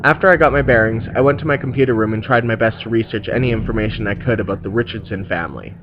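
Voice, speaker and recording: A man reading a horror story aloud in measured scripted narration. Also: lowish voice, muffled recording, noisy background.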